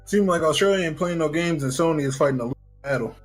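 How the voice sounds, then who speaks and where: A man co-hosting a casual gaming podcast, trading animated slangy jokes with plenty of swearing. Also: fairly high pitch, fast talker, soft background music. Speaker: podcast co-host.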